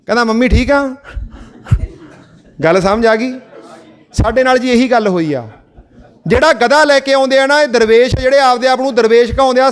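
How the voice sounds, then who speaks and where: A man's voice: very high-pitched, clear, resonant tone. A man with a Malwa Punjabi accent speaking to villagers, asking rhetorical questions and telling folk parables. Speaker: activist speaker. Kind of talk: village public address.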